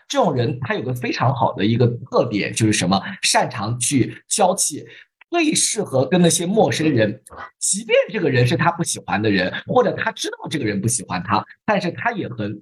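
A man's voice: medium pitch, breathy edge. A man explaining workplace communication on a podcast, posing rhetorical questions and answering them himself.

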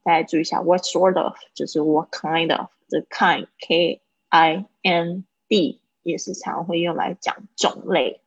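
Gravelly-voiced woman teaching English. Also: fairly low pitch, steady tone, a little mellow, no echo. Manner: explains slowly, repeats words, models pronunciation. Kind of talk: livestreamed English lesson. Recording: dull lo-fi livestream audio.

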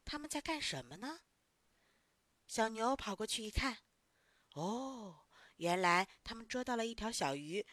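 A woman narrating a bedtime story to children in a warm, animated, coaxing way. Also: medium pitch, no echo.

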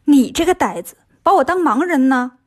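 Woman putting on a male monkey king, cocky, brisk, cheeky, high voice, children's audio story. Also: lively intonation.

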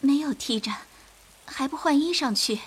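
A woman playing a gentle, forbearing young head maid in an audio drama, speaking softly and patiently. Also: high-pitched, fast.

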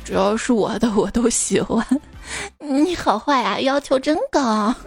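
一位声音很高的女人在读段子，背景有轻音乐. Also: female voice, fairly high pitch, unhurried, creaky, slightly rough, faint music behind. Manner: playful, acts out dialogue. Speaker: joke reader. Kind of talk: reading funny anecdotes.

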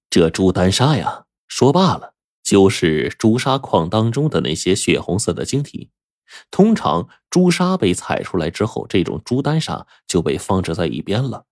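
Deep-voiced male storyteller, animated. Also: dry recording, clean studio sound. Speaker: storyteller narrator. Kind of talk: first-person audiobook storytelling.

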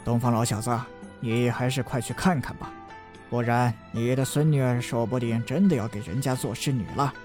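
Man putting on a deep grave old vice-principal. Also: steady tone, a little mellow, faint music behind, lightly acted. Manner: slow, grave, low and weighty. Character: stern elderly male academy vice-principal.

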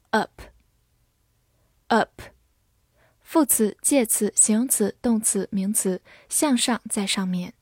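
Very slow, deliberate woman reading vocabulary. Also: on the high side, a little mellow, dry recording, studio quality. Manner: measured, repeats each word twice then gives meanings. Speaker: English vocabulary teacher.

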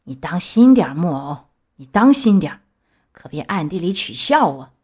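Storybook role: woman voicing a low, grumbling, suspicious middle-aged man. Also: sing-song, normal speed, darkish tone, breathy edge. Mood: scolding. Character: gruff grumbling middle-aged male donkey buyer.

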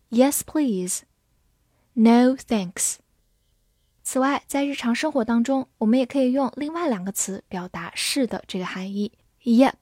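A woman teaching English vocabulary, spelling words out letter by letter and reading example sentences slowly. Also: a little high, a little mellow, slightly rough, no echo, clean studio sound. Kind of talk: vocabulary lesson.

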